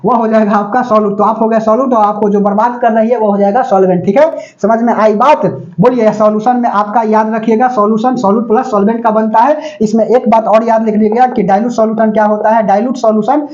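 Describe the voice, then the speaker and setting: A man's voice: sits high, fairly even intonation, fast, a little mellow, muffled recording. A man lecturing on chemistry, quizzing students with constant questions and joking everyday examples. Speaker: chemistry teacher. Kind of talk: classroom lecture.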